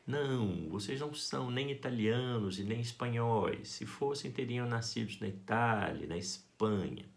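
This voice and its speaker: A Brazilian man giving a school art lesson, talking to his students in a playful, affectionate and expressive way. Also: mid-range voice, moderate pace, creaky, few pauses. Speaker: art teacher.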